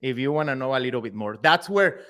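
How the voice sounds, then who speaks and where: A young man from Mexico with a Mexican Spanish accent, a roofing company owner talking as a podcast guest in an excited, casual way, dropping "man" and "dude" into his sentences. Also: medium pitch, fast talker. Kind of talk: casual interview chat.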